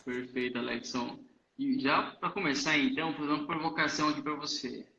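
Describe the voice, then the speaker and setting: A man's voice: mid-range voice, steady tone, a little fast, creaky, pushed and bright, muffled recording, a little hiss or hum. A man hosting a live stream, chatting casually and greeting viewers by name in an upbeat way. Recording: echoey room, far from the mic.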